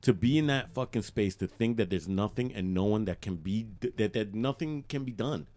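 A man's voice: on the low side, moderate pace, mellow, no echo. A young man co-hosting a podcast, talking in a heartfelt, emphatic and profane way. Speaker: podcast co-host. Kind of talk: candid podcast chat.

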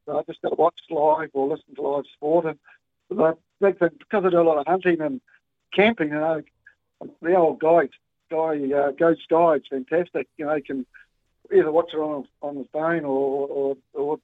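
This caller, a man with a New Zealand accent, phones in to a talkback program through his speakerphone, so the audio is thin and dry without echo. His pitch is on the high side and his speed moderate. The chat is loose and colloquial, with frequent ums and false starts.

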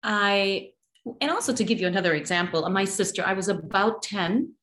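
Middle-aged woman, candid guest, earnest and quick to laugh; echoey room. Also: mid-range voice, a bit bright. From Dominican Republic. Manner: earnest, laughs often, restarts. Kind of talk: personal conversation.

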